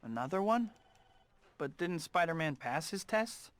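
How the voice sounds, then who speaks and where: A man's voice: a little high, big pitch swings, a little slow, dry recording. A young man playing a quippy, good-natured, self-deprecating superhero in a video game, with a boyish manner. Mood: rueful. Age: young adult. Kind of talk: video game cutscene acting. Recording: loud music behind.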